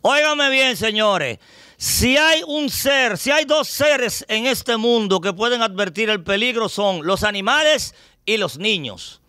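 A Dominican man putting on a boastful villain wrestler cutting a TV promo, booming and theatrical. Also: lively intonation, unhurried, sharp tone, smooth, no room sound, full character voice. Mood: menacing boastful.

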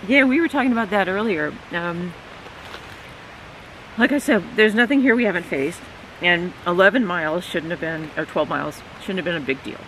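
A man's voice: high voice, moderate pace. A middle-aged man casually recapping a hard hiking day at an outdoor campsite, talking around a candy in his mouth. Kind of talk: casual chat. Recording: outdoor hiss and stream noise.

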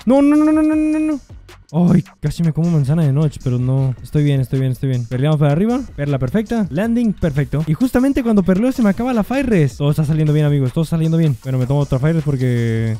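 Fast-talking gamer, dark mellow voice. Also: male voice, fairly high pitch. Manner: chatty, talks to game creatures, repeats words in quick bursts. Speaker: gaming YouTuber. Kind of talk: casual gameplay commentary.

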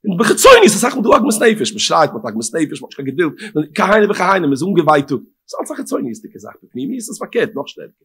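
A rabbi, a man, teaches a Torah lecture in a high, bright voice with a husky edge. His tone swoops widely, chanting verses in a sing-song and moving between near-whispers and forceful peaks. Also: huge pitch swings, fast, few pauses. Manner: swings from hushed murmurs to emphatic outbursts.

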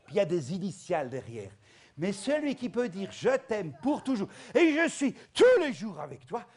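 A man performing as a clown in an outdoor audience-participation show, playfully coaxing the crowd to chant along. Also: high-pitched. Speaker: children's gospel clown performer.

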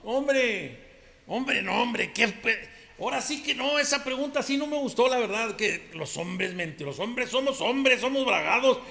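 A man's voice: very high-pitched, animated, unhurried, creaky, pushed and bright, long reverb tail, pitched above the performer's own voice, full character voice. A Mexican man playing a boastful, henpecked macho ranchero who rambles through defensive denials. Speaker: comedian.

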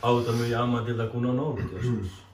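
A man in his twenties as a guest giving deadpan mock answers in a casual joking interview, often cracking up, in a small room. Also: medium pitch, slight background noise. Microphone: camera mic from a distance. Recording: roomy distant camera audio.

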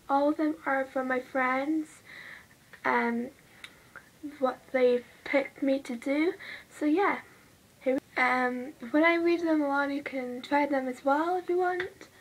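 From her bedroom, a woman vlogs while doing her makeup, chatting in a rambling way and muttering asides to herself as a TV plays in the background. Her voice sits high, with a fairly bright, slightly rough tone.

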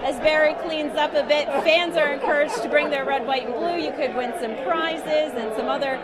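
A woman's voice: sits high, steady tone, normal speed, over a noisy crowd. A young woman giving a live TV news report into a handheld microphone. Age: young adult. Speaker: TV field reporter. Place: busy indoor sports bar. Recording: loud crowded bar broadcast.

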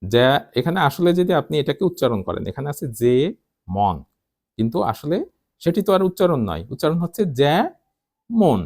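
A man teaching a Bengali pronunciation lesson, sounding out words slowly syllable by syllable. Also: a little high, sing-song, darkish tone. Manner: slow, deliberate syllable-by-syllable explanation.

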